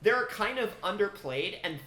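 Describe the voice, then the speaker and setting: A man with a slightly high voice talks excitedly in a casual podcast chat, piling up fillers as he goes. The room around him is echoey, with a faint hiss underneath. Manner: enthusiastic, quick, many fillers. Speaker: podcast co-host. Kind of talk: casual film discussion.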